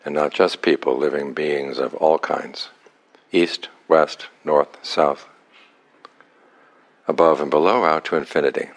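Leading a meditation, a teacher speaks in a remarkably deep male voice. He stays calm and never hurries, offering brief directions separated by long silences.

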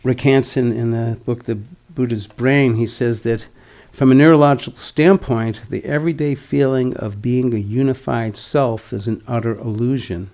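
A man's voice: mid-range voice, a little mellow. A man in his sixties giving a dharma talk as a meditation teacher, reflective, with wry, humorous asides. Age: 60s.

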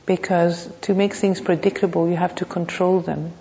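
In a reverberant hall, slightly dulled on the recording, a woman gives a meditation talk. Her voice is mellow and gravelly. She speaks reflectively, pausing and circling back over phrases. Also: on the low side, little pitch movement, dull audio. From Thailand. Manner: reflective, halting, with pauses and repeated phrases. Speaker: meditation teacher. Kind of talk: unscripted dharma talk.

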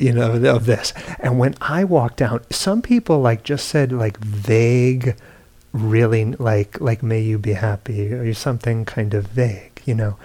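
A man giving a dharma talk at a retreat center, telling a story in an unhurried way with soft laughs and hushed asides. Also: medium pitch, slight background noise. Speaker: meditation teacher. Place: retreat center meditation hall.

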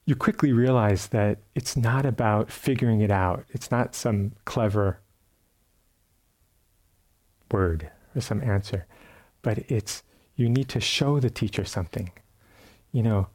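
A man gives a dharma talk at a retreat, his voice low and soft-edged with a slightly husky grain. He tells a story loosely and calmly, full of fillers and false starts, and now and then acts out a bell or a shout. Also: unhurried. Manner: relaxed storytelling with many fillers and restarts. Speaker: meditation teacher. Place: retreat center meditation hall.

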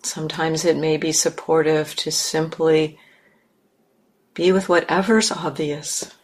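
A woman teaching meditation guides listeners in short, measured phrases, pausing between each. Her voice is low and flat, with a breathy edge.

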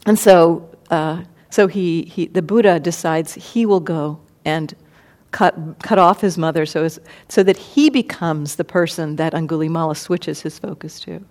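A woman meditation teacher giving a dharma talk, thoughtful and unhurried, pausing and restarting as she explains. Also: deep voice, a little mellow. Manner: thoughtful, many fillers and restarts. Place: meditation hall.

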